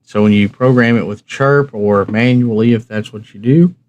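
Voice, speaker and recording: This casual instructional livestream features a man explaining his hobby in a folksy, conversational manner, often asking himself questions and answering them. His voice is fairly low and darkish at a moderate pace, and the sound is lo-fi.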